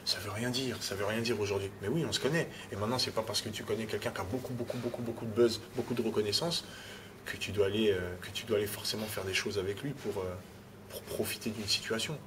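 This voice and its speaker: A man with a fairly low voice speaks in a relaxed interview, stumbling and restarting lines and dropping "tu vois" between thoughts. Clear background noise sits under the recording. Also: fast talker. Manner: repeats words, restarts phrases, adds "tu vois". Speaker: rapper being interviewed. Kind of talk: casual interview talk.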